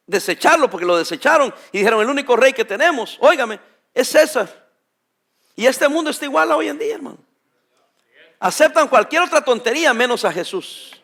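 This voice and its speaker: A male pastor preaching a sermon, emphatic and addressing the congregation directly as brothers, often pausing so they can finish his phrases. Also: high voice, a bit bright.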